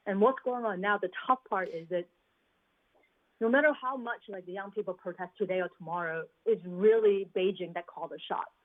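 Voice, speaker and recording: A woman's voice: medium pitch, brisk. A woman from Hong Kong, a venture investor, answering news interview questions thoughtfully over a remote video link, with restarts and fillers. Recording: tinny remote call line.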